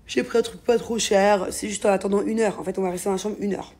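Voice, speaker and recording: A woman's voice: mid-range voice, fairly even intonation, fast talker, a little mellow, breathy edge. A woman telling a story in a casual vlog, chatty and rambling with many fillers. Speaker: vlogger.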